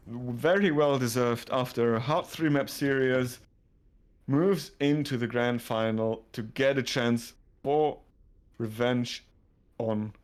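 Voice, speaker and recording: A man's voice: medium pitch, darkish tone. A man casting an esports match live, chatty and joking, often restarting his sentences. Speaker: esports caster. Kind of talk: casual live esports commentary.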